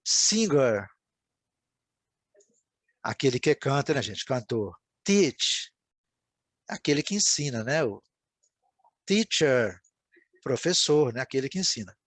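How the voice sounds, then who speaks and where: A man's voice: medium pitch, animated, normal speed, breathy edge, dry recording. A man teaching an English lesson in a video class, explaining words patiently and often checking in with his students.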